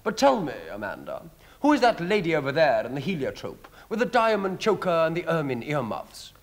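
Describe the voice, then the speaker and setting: An actor playing a vain, wicked lord in a Wilde parody stage comedy, arch and self-admiring. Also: male voice, on the high side, huge pitch swings, fairly quick. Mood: smug. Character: languid, vain, wicked aristocratic wit.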